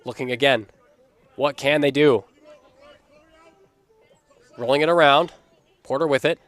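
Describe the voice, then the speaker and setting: A man calling a lacrosse game live from a commentary booth, steady and energetic, lifting on big plays. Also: medium pitch, measured pace, faint music behind. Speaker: play-by-play commentator.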